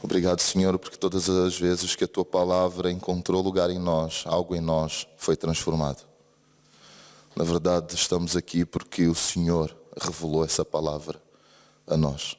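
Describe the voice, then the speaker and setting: The sermon comes from a low-pitched Brazilian man whose delivery is completely flat, moderately paced, and a little mellow. He preaches earnestly in a church service hall with an accent blending Brazilian and European Portuguese, often asking for an amen, and a long church reverb follows him.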